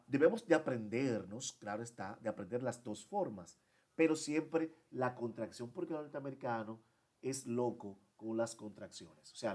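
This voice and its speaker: A man's voice: medium pitch, darkish tone, slightly rough. Male English teacher, explains each grammar rule in both languages. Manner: switches between Spanish and English, repeats and translates each point. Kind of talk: bilingual grammar lesson.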